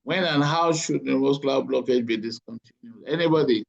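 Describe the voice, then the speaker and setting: A man's voice: mid-range voice, brisk, gravelly. A man tutoring anaesthesia students over a video call, quizzing them and teasing them along. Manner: encouraging, teasing, gives marks. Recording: dull lo-fi call audio.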